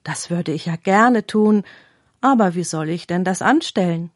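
A woman reading the lines of a talkative, quick-tempered turtle in a storybook tale, with an indignant, scolding manner. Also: lowish voice, no echo, clean studio sound. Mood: eager. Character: chatty hot-tempered turtle.

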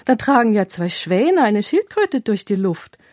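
Rufende lausebengel im märchen, von einer frau gesprochen, trocken aufgenommen. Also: female voice, medium pitch, measured pace, no echo, clean studio sound. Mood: astonished. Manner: excited, exclaiming. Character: cheeky astonished village boys.

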